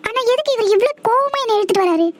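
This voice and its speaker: A woman doing a very high, anxious young schemer. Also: expressive, fast. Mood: worried. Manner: anxious, muttering to herself. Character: young woman scheming, scared of being caught. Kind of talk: cartoon voice acting.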